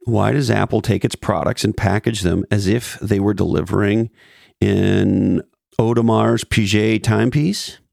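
A man's voice: on the low side, creaky, a little mellow, no echo, studio quality. A man presenting scripted business commentary as a podcast host, with emphatic repetition and wry asides.

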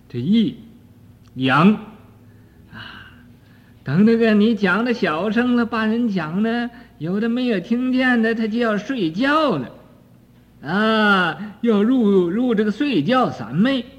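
An older man, a Buddhist teacher, lecturing slowly on a sutra commentary, with frequent "ah" fillers and sudden swings between soft and loud. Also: sits high. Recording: dull archival recording in a reverberant hall.

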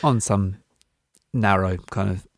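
A man co-hosting a podcast in casual chat, animated, wry and self-mocking. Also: on the low side, slow pace, no echo, studio quality. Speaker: podcast co-host.

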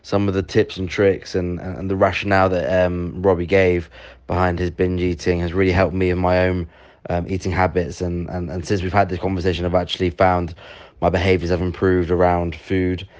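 A man with a very low voice, recorded with a slightly dull, lo-fi sound. He addresses podcast listeners informally and earnestly as their host. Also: completely flat delivery, brisk, darkish tone.

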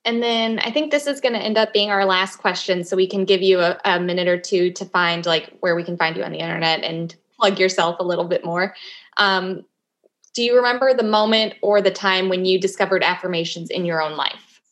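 A woman's voice: on the low side, fairly quick, fairly bright tone. A woman hosting an interview, plainly reading out listener questions. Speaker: interview host.

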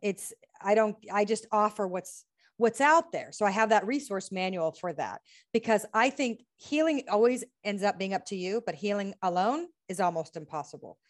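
A woman's voice: mid-range voice, expressive, moderate pace. A woman from the United States, a healing practitioner and author, speaking earnestly as an interview guest, running through lists of questions and laughing often. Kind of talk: conversational interview.

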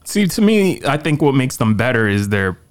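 Clear-voiced man in animated film chat. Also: mid-range voice, moderate pace. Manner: animated, slangy, profane. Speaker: podcast co-host.

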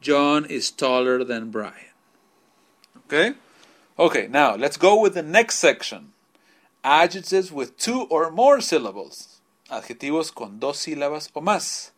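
A man's voice: on the high side, expressive, takes it slowly, fairly bright tone. A man teaching English grammar, patiently explaining each rule and repeating examples in two languages.

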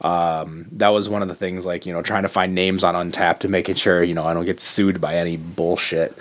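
A man chatting as a guest about brewing and podcasts, rambling with many pauses and fillers. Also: low-pitched, flat delivery. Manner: rambling, many ums and restarts. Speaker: homebrewer guest. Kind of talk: casual podcast chat.

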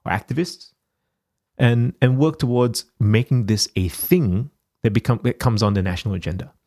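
A man's voice: mid-range voice, moderate pace, mellow, dry recording, studio quality. A man from Singapore in casual chat, rambling with many restarts and fillers.

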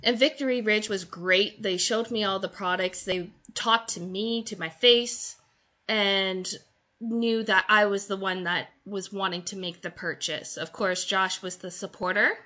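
A woman chatting casually, telling an animated story and quoting people as she goes. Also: mid-range voice, unhurried. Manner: animated storytelling with quoted voices. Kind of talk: casual chat. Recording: dull lo-fi sound.

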